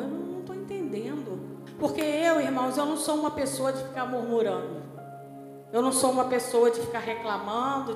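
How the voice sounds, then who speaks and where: A woman pastor with a Brazilian Portuguese accent, preaching a sermon in a conversational way and often checking in with the congregation. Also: sits high. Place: church hall. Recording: echoey church hall with music. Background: music.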